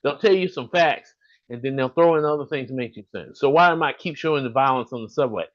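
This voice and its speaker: A man's voice: medium pitch, quick pace, dull audio. Earnest Southern man in his fifties. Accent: Southern US (Alabama). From Alabama, US. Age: 50s. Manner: earnest, rambling, restarts sentences. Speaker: podcast host. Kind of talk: casual monologue over a video call. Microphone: video call.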